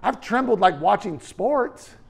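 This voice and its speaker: A middle-aged man preaching a sermon in a church hall, animated and gesturing, swinging from loud emphasis to quiet asides. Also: sits high, unhurried, creaky, breathy edge. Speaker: pastor.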